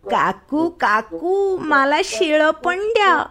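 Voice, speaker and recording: A woman voicing a small, playful, greedy female pig in a storybook, with a squeaky, high sing-song voice. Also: very animated, extremely slow, music in the background, exaggerated voice. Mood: pleading.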